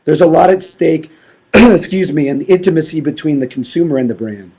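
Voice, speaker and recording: A man's voice: a little high, lively intonation, fairly quick, mellow, husky. Man with a tired voice presenting design. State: short of voice, clearing throat. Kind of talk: conference presentation.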